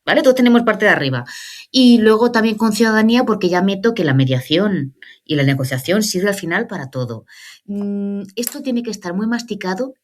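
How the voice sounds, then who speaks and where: Woman, 40s, psychologist guest, chatty, lively, checks in often. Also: mid-range voice, a little fast. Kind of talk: casual podcast interview.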